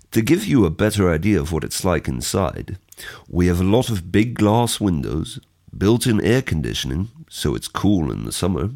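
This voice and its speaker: A man's voice: deep voice, a little mellow. A young man giving a scripted first-person description of his home for a listening exercise, read steadily.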